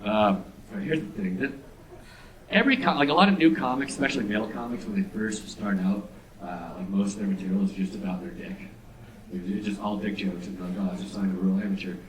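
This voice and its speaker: A young man doing a stand-up comedy set, telling a story in a deadpan way that jumps to excited outbursts. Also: lowish voice, brisk, rough recording. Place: comedy club stage with live audience. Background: audience laughter.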